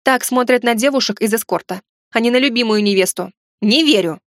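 A woman reading a first-person audiobook with lively, ironic storytelling. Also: a little high, brisk, no echo, clean studio sound. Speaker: audiobook narrator.

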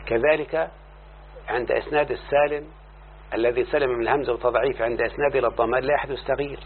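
Egyptian male teacher, mid-pitched, drills a student with questions, lo-fi tinny tape with hum. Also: fairly even intonation, racing. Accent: Egyptian Arabic. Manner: checks understanding with constant questions to the student. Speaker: teacher of Arabic morphology. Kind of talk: classroom lesson. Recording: tinny lo-fi recording with faint hum.

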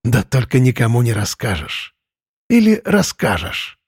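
A man's voice: mid-range voice, normal speed, darkish tone, no echo, studio quality, close to an everyday voice. A man voicing a cruel, menacing young village master who threatens and mocks in an audiobook. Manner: threatening, mocking. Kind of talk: audiobook character voice.

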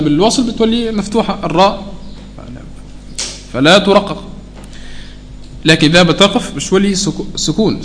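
A man with a high voice teaches a Quran recitation lesson. He explains the rules conversationally, slows right down to chant each example, and keeps asking his students whether it is clear. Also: slight background noise. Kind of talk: tajweed lesson.

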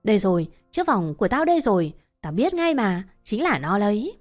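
A shrill, abusive older mother-in-law who berates and accuses without pause, as a woman reads her part in an audio story. Her voice sits at an ordinary middle pitch. Faint music plays underneath. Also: very animated, natural voice. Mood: shrill accusing. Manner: abusive, uses coarse address terms.

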